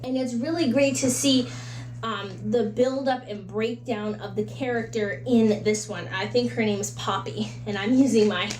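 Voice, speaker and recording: Recorded in a roomy space with a slight background hum, a woman whose first language is English chats about books she recommends. Her voice is on the high side and a little mellow, with fairly even intonation and normal speed, and she drops in small acted-out imagined quotes and asides.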